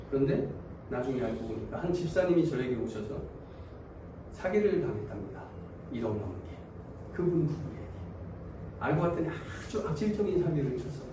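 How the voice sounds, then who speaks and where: A male pastor preaching a sermon, telling stories and acting out people's complaints to God in a raised voice, often chuckling as he goes. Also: medium pitch. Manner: chuckles through his own lines. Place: church sanctuary. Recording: very echoey hall, distant mic, faint noise.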